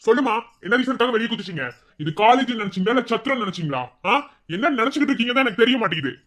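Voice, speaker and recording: Cartoon role: man as strict scolding principal, high and rapid. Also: expressive, a bit bright. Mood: stern. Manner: lecturing, scolding.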